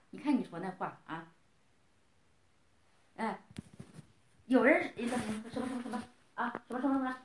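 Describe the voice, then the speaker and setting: A woman's voice: sits high, fairly bright tone, roomy sound. A middle-aged woman scolding someone in a heated family argument, lecturing and firing off repeated questions.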